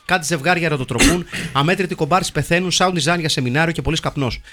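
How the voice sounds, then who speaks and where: A man hosting a comedy show, reading listener film reviews in a wry, mock-solemn deadpan. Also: fairly high pitch. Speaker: host reading listener comments.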